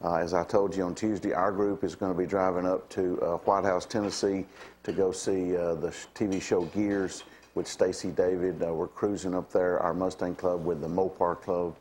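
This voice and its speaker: Guy hosting a morning show, lowish voice, bit of noise behind, lots of ums. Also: flat delivery, normal speed, darkish tone. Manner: rambling, with many fillers. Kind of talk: casual chat.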